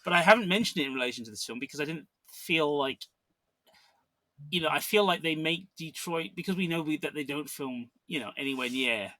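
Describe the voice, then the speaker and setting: A man co-hosting a podcast speaks casually about movies, circling back with restarts and fillers. His voice is bright and a touch higher than most, close-miked in a dry room. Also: animated, fairly quick, dry recording. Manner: rambling, many restarts and fillers. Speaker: podcast co-host. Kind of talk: casual film discussion.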